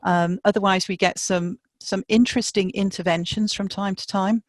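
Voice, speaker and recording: A woman hosts an online conference session with informal introductions and housekeeping. Her voice is medium in pitch, and she talks in a chatty, hesitant way. The video-call sound is very dry. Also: fairly even intonation, moderate pace, no echo. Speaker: conference co-chair and session host. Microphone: video call microphone.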